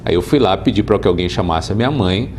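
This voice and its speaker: A man in his forties from Brazil, a guest in an interview, telling his life story calmly and earnestly. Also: deep voice, quick pace, slight background noise. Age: 40s. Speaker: interview guest, city councilman.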